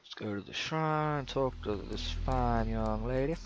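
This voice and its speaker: A man's voice: mid-range voice, measured pace. A man giving casual, slangy commentary while playing a video game. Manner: slangy and loose. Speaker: let's play host. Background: game music.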